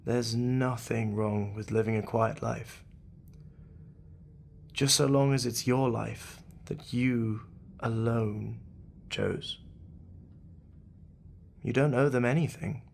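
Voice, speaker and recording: Speaking at a medium pitch with fairly even intonation, a man portrays the gruffly kind, commanding, wry leader of secret investigators in an audio drama. His measured, authoritative delivery carries a gently earnest mood, and there's a slight hiss or hum in the background.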